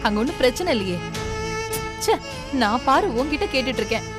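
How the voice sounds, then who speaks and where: A woman's voice: high-pitched, sing-song, a little fast. An actress playing an emotional middle-aged mother in a TV serial, pleading and anxious. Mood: eager. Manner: pleading and emotional, rising to distress. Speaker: mother of the heroine. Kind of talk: Tamil TV serial acting. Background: soap opera music score.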